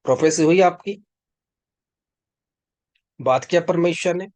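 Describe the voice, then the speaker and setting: A man's voice: a little high, a little slow, darkish tone, no room sound. A man preaching and prophesying over a video call, fervent and commanding, breaking into bursts of speaking in tongues as he leads prayer. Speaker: preacher leading an online prayer session. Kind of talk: charismatic sermon with prophecy and prayer.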